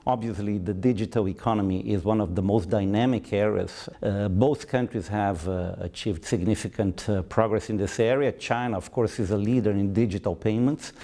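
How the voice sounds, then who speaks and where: A man from Brazil with a Brazilian accent and Portuguese as his first language, giving formal, measured diplomatic interview answers with frequent hesitant pauses. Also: on the low side, dark tone. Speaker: ambassador, interview guest.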